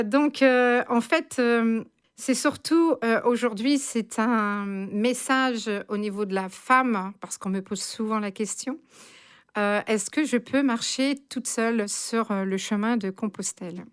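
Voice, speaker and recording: A woman's voice: fairly high pitch, clean tone. A woman in her sixties from France, a radio guest telling her story with many hesitations and fillers. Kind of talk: casual radio interview.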